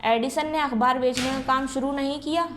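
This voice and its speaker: In a high-sitting, somewhat bright voice, a teacher takes her class through a school lesson step by step at normal speed with fairly even intonation. She's patient, asking questions and answering them herself, and a bit of background noise can be heard.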